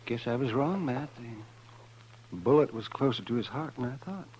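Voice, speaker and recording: An actor playing a rueful frontier town doctor in a 1950s radio Western. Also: male voice, mid-range voice, lively intonation, unhurried, darkish tone, close to an everyday voice. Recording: dull, noisy old radio recording.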